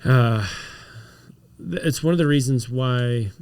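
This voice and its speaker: A man's voice: mid-range voice, slow. A man, a chiropractor, chatting casually on a health podcast, explaining remedies and telling stories. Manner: storytelling, mixes explanation with animated reenacted quotes.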